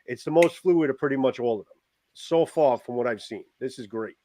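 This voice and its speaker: Male host, casual chat, mid pitch, dry clean room sound. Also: brisk, warm tone, no room sound. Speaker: live-stream host.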